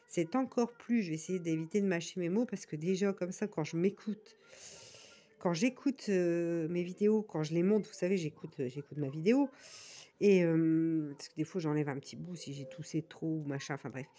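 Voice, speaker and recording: A woman's voice: fairly low pitch, moderate pace, dark tone, muffled recording. A woman with a northern French accent, talking casually to viewers in a rambling, chatty way as she shows her crafting tools. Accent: northern French (Nord). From northern France. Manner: rambling, many fillers and restarts, chatty asides. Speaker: diamond painting vlogger. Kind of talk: casual tutorial chat to viewers.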